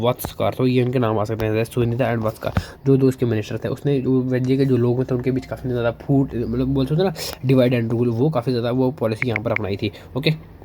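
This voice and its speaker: A man teaching history for exams, reading English lines slowly, then explaining fast in Hinglish with fillers and questions he answers himself. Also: mid-range voice, warm tone, a little hiss or hum. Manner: keeps asking and answering his own questions. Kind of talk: exam-prep lecture.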